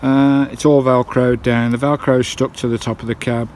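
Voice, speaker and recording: Out by his campervan, a chatty British vlogger talks to his viewers, frequently addressing them as "guys." His mid-range voice holds a level tone at normal speed. Wind and loud noise fill the handheld recording.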